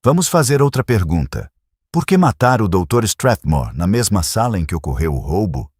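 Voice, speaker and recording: A man voicing a shrewd elderly male detective who speaks in a measured, gently probing way, in an audiobook reading. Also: low-pitched, sing-song, slightly rough, no room sound, studio quality, voice pushed up, exaggerated voice. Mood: reasoning.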